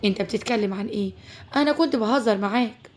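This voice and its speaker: A woman's voice: mid-range voice, quick pace, a little mellow, lightly acted. A woman voicing a scheming, flirtatious stepmother with an Egyptian Arabic accent. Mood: defensive.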